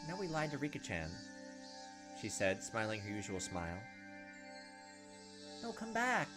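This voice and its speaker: This let's play host has a fairly low voice with huge swings in pitch, and he speaks unhurriedly. Seated indoors at a desk on webcam, he reads visual novel narration aloud and interrupts with frank, informal comments over game music and insect noises.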